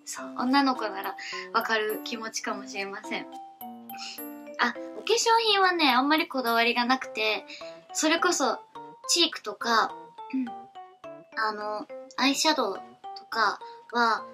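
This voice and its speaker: Kansai girl, late teens, higher voice, giggly rambly vlog chat. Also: unhurried, pauses often, faint music behind. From Kansai, Japan. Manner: chatty, giggly, relaxed and rambling. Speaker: newcomer voice actress, vlogger. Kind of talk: casual self-introduction vlog.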